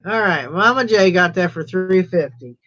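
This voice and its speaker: Her voice sits fairly low, expressive and a bit bright, as she hosts a casual auction over a live stream. Chatty and laughing a lot, she stretches her words out slowly; the livestream sound is dull and lo-fi.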